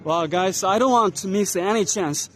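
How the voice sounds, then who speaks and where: A man casually narrating a walking tour of a trade expo, unhurried, spelling out brand names letter by letter as he walks. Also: high voice, fairly bright tone. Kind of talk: casual walk-and-talk narration. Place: large indoor trade expo hall.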